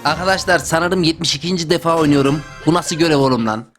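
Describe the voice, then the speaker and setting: Young guy yelling fast at his game, chatty slangy gamer commentary, talks to himself a lot. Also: fairly high pitch, soft background music. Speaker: gaming YouTuber. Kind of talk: live gameplay commentary.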